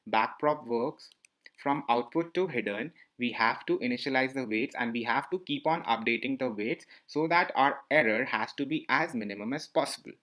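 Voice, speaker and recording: This is a teacher's voice-over on a slide screencast: a man of medium pitch with a fairly bright tone. While explaining the lesson he is repetitive and often addresses questions to the listener.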